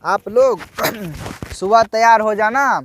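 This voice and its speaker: High-voiced man telling a slow story. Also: fairly bright tone, a little hiss or hum. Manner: unhurried, halting retelling with restarts and acted quotes. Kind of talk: casual spoken religious story.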